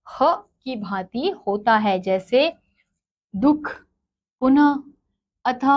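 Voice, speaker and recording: A woman's voice: a little high, dull audio. A woman teaching a grammar lesson, asking questions and answering them herself. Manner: slow, asks and answers her own questions.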